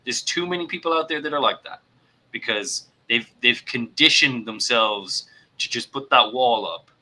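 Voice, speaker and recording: Bright-voiced earnest man in casual chat. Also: mid-range voice, moderate pace, low-quality recording. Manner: earnest, repeats words while thinking; puts on voices to act out examples. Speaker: podcast co-host. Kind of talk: casual mental health chat.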